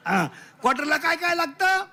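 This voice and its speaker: A man with a Marathi accent giving a comic devotional sermon, loud and teasing, quizzing his listeners in call-and-response and mixing in broken English lines. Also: very high-pitched, very animated, brisk. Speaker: kirtan preacher.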